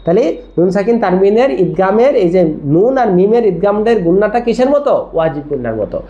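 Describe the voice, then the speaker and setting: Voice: mid-range voice, lively intonation, fast, mellow, dull audio. A Quran recitation teacher giving a tajweed lesson, spelling words out letter by letter, drilling them, and often checking in with the listener. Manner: asks frequent check-in questions.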